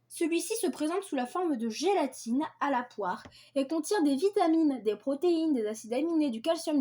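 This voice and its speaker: A woman presenting a list of dishes in a read-aloud style, repeating the same set phrases and stumbling now and then. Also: sits high. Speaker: video creator presenting invented dishes.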